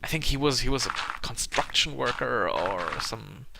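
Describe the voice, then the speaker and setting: Expressive and creaky at a medium pitch, this Let's Play host's voice competes with background noise. A German man speaking with his native accent, he rambles casually and hesitantly through the gaming video, adding self-conscious comments and chuckling at his own expense.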